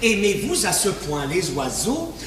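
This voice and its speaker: A man's voice: high voice, huge pitch swings, measured pace, full character voice. An actor playing a proud, witty swordsman, declaiming verse on stage in a hammy, exaggerated manner. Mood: mocking, flamboyant. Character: proud, witty, swaggering swordsman mocking an insult to his big nose. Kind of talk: theatrical verse stage monologue. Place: theatre stage, recorded from afar. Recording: echoey hall, distant mic, noisy stage recording.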